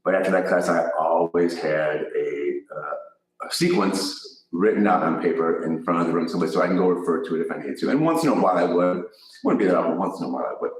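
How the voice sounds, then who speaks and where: A low-voiced man with a Chicago accent tells a meandering story about teaching yoga. He talks casually and keeps restarting his sentences. He sounds a little far from the mic in a very echoey room. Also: fast. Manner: rambling, self-correcting anecdote with laughs.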